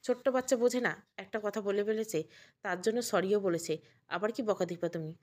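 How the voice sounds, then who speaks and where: A woman's voice: medium pitch, brisk, darkish tone, natural voice. A woman voicing a kindly, firm older father who reasons with his wife.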